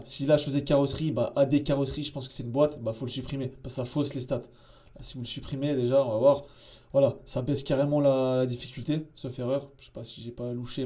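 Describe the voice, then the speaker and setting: A man hosting a casual screen-share tutorial, chatty and slangy, with frequent fillers and asides while he clicks through software. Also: mid-range voice. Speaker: SEO tutorial host.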